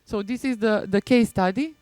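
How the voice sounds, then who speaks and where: Presenting at a conference, a woman who works as a maritime spatial planner speaks with a Serbian accent and a mid-range, darkish voice. Though her talk is prepared, she is hesitant and halting, frequently restarting phrases. There's no room sound.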